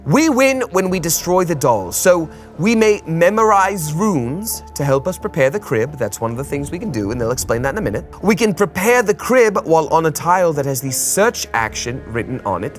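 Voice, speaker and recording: A man's voice: a little high, fairly quick, hardly any pauses, faint music behind. A man hosting a board game, reading out the rules and story cards to the players in a theatrical way. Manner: theatrical, lively rule-reading.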